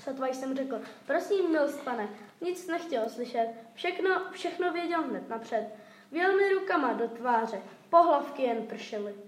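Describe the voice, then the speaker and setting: A woman's voice: high voice, animated. A woman voicing a beaten, frightened male robber in a fairy-tale reading, retelling his story emphatically. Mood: dramatic. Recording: echoey room, faint noise.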